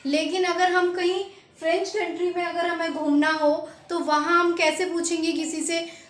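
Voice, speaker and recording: A woman from India teaching a language lesson, slowly repeating each word and quizzing the viewer. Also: very high-pitched, a bit bright, reverberant. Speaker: French teacher.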